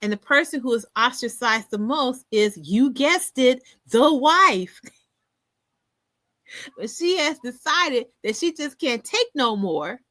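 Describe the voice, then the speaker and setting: A woman hosting a podcast in casual solo commentary, animated, often laughing and repeating words for emphasis. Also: high-pitched, takes it slowly, no echo. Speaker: podcast host.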